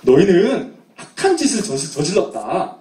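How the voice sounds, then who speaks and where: A furious steward bellows and accuses, his voice pitched high and thrown loud. A man acts him out as a children's preacher. The sound is echoey and taken from a distance. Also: big pitch swings, normal speed. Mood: scolding. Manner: shouting, accusing. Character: angry male steward scolding travelers. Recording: echoey room, mic at a distance.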